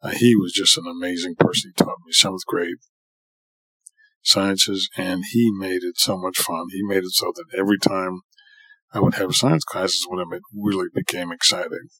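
Telling his life story as a podcast guest, a middle-aged surgeon and professor from New York City speaks earnestly, often rephrasing to stress a point. His low voice stays steady at normal speed, fairly bright with a breathy edge, in poor audio without echo.

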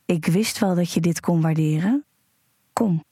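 A woman voicing a seductive adult female friend in an erotic audio story, low and coaxing. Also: unhurried, warm tone, husky, dry recording, clean studio sound.

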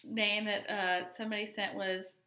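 A woman's voice: mid-range voice, flat delivery, moderate pace, sharp tone. A woman co-hosting a podcast, chatty, with lots of "sort of" and "like". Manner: chatty, many fillers like "sort of". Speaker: podcast co-host. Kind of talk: casual chat. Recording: echoey room.

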